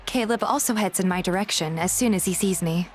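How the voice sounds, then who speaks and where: A woman with a medium-pitched voice speaks a little fast as she narrates a fan dub and voices its heroine. The first-person story is scripted like an audio drama, and music plays in the background.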